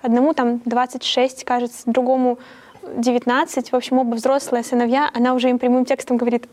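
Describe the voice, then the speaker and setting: Mellow-voiced young woman student. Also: on the high side, little pitch movement, fast talker. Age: young adult. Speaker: university student. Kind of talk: casual discussion.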